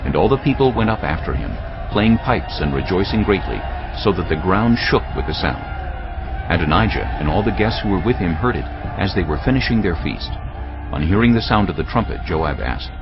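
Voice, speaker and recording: Reading scripture like a drama, this man has a low, deep voice and lively, wide-ranging intonation at a brisk pace. The audio is dull and lo-fi, with a music bed audible underneath.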